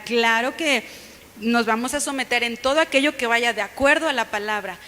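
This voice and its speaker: A woman with a Mexican accent preaches a sermon, telling stories in a conversational way. Her voice is high and bright. It carries a long reverb from a church hall. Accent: Mexican Spanish. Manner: conversational, storytelling, quoting others with lively put-on voices. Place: church sanctuary.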